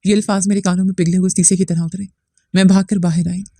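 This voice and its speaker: A woman narrating a first-person family drama story in a steady, somber manner. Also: lowish voice, quick pace, dry recording, studio quality.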